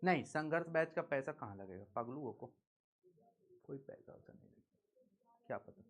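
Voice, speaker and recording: A man's voice: medium pitch, lively intonation, normal speed. A male teacher, leading a live online class in a playful, teasing way and drilling students with call-and-response chanting.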